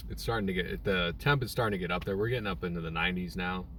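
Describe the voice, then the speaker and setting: A man's voice: deep voice, racing, a bit bright, recorded from a distance, a little hiss or hum. A young man chatting casually on a live stream from a parked car, rambling with many fillers and restarts. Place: in a parked car in a store parking lot. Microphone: phone.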